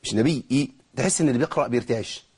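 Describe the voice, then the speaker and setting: A man with an Egyptian accent teaching Quran recitation rules, explaining quickly and slowing down to model drawn-out words. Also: medium pitch, darkish tone, breathy edge. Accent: Egyptian Arabic. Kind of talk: tajweed lesson, explaining and demonstrating.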